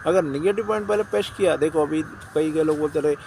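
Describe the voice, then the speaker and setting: Gravelly Indian man coaching sales agents. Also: a little high, fast talker, darkish tone, slight background noise, low-quality recording. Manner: direct, repeats phrases, often says "dosto". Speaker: insurance sales trainer. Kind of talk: motivational sales talk to agents.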